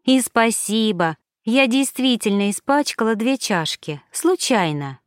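A woman reading an audiobook, voicing a cheerful, playful and stubborn young noble lady in a bright, lightly teasing way. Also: fairly high pitch, animated, a little slow, clear, resonant tone, no echo, clean studio sound.

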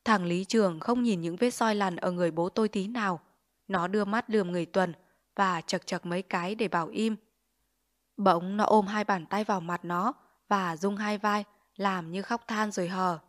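A woman narrating a classic short story with steady, expressive storytelling. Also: mid-range voice, moderate pace. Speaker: audiobook narrator. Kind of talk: dramatic short-story reading.

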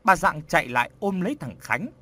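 A man narrating a ghost story in an expressive, dramatic way. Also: on the high side, fairly quick. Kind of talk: audiobook horror story narration.

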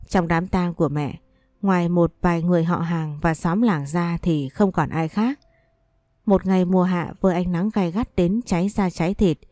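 A woman's voice: lowish voice, dark tone, no room sound, clean studio sound. A woman narrating a sorrowful first-person story in a somber, scripted telling.

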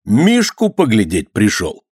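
A man's voice: fairly low pitch, wildly swooping pitch, darkish tone, breathy edge, no echo, studio quality, exaggerated voice. A man voicing a bold, hot-tempered merchant lord who mocks and then erupts in anger. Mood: mocking. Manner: mocking, brash, quick to explode.

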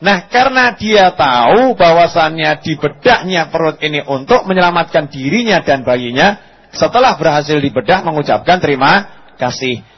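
Husky-voiced man preaching a lively sermon. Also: on the high side, normal speed, dull audio. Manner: lively storytelling sermon, acting out quotes, asking the audience questions.

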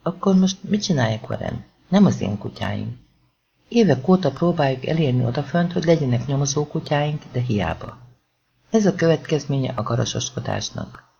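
A man's voice: medium pitch, very animated, creaky, warm tone, slight background noise. An audiobook reader voicing an apologetic, sheepish male police sergeant. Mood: resigned. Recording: dull lo-fi recording.

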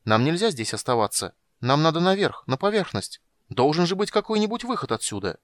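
A man's voice: expressive, moderate pace, fairly bright tone, no room sound, studio quality, natural voice. A man reading an audiobook, voicing an impulsive, passionate young woman in a raised voice. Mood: urgent pleading. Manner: raises pitch to voice a young woman, earnest and emotional. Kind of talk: audiobook character voice.

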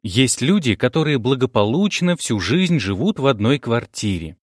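A man's voice: medium pitch, very animated, moderate pace, no echo, studio quality. A man narrating an audiobook in the first person, wry and polite.

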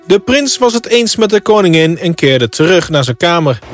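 A man's voice: high-pitched, sing-song, normal speed, over loud music. A man reading a scripted fairy tale as a storybook narrator.

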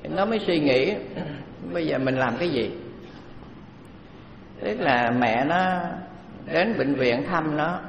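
Man, Buddhist dharma teacher, a bit high-voiced, relaxed teaching pace, echoey hall. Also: vocal fry, lo-fi sound, a little hiss or hum. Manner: unhurried, conversational teaching with many pauses. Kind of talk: dharma talk sermon. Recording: echoey hall, faint background ambience.

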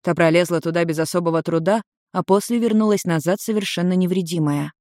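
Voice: medium pitch, fast talker, a little mellow, dry recording, clean studio sound. A narrator reading a fantasy story aloud in an audiobook style.

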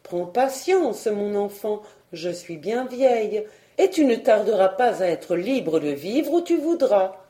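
Kindly old grandmother, voiced by a woman, gentle affectionate manner, mellow warm tone, storybook. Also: mid-range voice, very animated, takes it slowly.

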